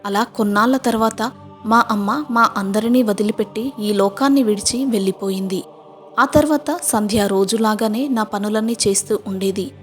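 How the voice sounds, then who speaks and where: Storyteller: woman, mid-pitched, steady measured read, faint music underneath. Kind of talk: scripted first-person moral story narration.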